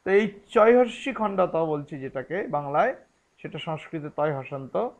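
A man with a Bengali accent teaching scripture, chanting Sanskrit verses and explaining them word by word in a deliberate lecture. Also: a little high, lively intonation.

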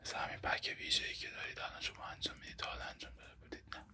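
This close-up ASMR roleplay features a young man acting as a barber, his Persian-accented whisper soft and courteous as he treats the listener like a client. The setting is a dim little room indoors.

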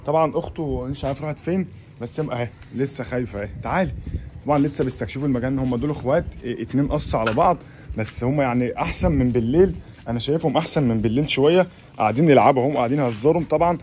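Rapid-fire young Egyptian vlogger. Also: male voice, medium pitch, slight background noise. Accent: Egyptian Arabic. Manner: rapid, excitable, chatty address to viewers. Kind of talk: casual vlog narration to viewers. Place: outdoors, on a rooftop with dogs.

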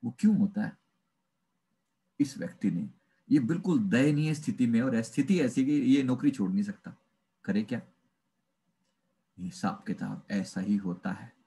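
A man's voice: medium pitch, measured pace, creaky, pauses often. A man, a life coach, giving a spiritual motivational talk and acting out little dialogues as he goes. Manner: animated, acts out dialogue, mixes in English phrases.

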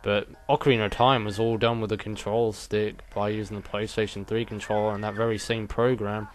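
Low-voiced man joking through gameplay. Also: little pitch movement, a little fast. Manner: joking rambling asides with laughs. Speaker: let's play commentator. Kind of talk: casual gameplay commentary.

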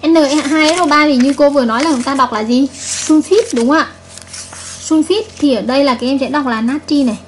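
A woman's voice: high voice, fast talker, few pauses, slight background noise. A woman chemistry teacher giving a recorded video lesson, patiently repeating each point and checking with her students.

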